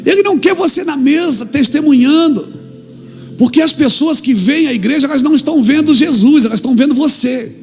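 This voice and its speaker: A man with a Brazilian Portuguese accent preaching an impassioned church sermon, acting out little dialogues and building to shouted climaxes. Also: very high voice, animated, fairly quick, soft background music.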